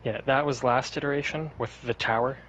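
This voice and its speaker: A man's voice: mid-range voice, fairly even intonation, brisk, fairly bright tone, highs cut off, a little hiss or hum. A man guest on a podcast, telling stories in a rambling, laid-back casual way. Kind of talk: casual chat.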